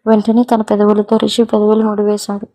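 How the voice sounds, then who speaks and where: A woman storyteller reading a romance audio story in a steady, even way. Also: medium pitch, fairly quick, dry recording. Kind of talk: scripted story narration.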